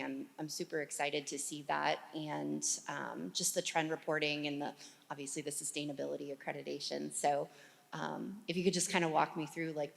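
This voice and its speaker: An eager woman client asks a question from the floor of a conference hall. Her voice is low with a gravelly fry, and it echoes through the hall. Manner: eager, filler-heavy. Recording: hall reverb from room mic.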